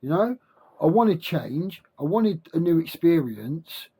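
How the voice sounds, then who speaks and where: Male self-help vlogger, slightly high voice, toothless gummy articulation, halting and repetitive informal monologue. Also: sing-song, warm tone, slightly rough. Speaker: self-help video creator. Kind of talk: rambling spiritual monologue to camera.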